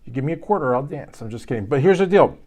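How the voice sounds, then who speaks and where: A male YouTube host from Kentucky talks through a court case in a loose, rambling way. He drifts into joking asides and restarts, and his voice sits at an ordinary middle pitch for a man. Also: animated, quick pace, a little mellow. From Louisville, Kentucky. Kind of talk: casual commentary.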